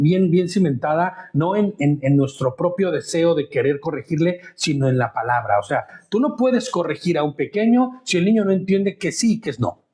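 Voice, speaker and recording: Man teaching scripture, fairly high voice, talks straight to listeners, informal. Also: a little mellow. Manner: chatty, asks listeners questions. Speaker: Bible teacher. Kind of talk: conversational Bible study.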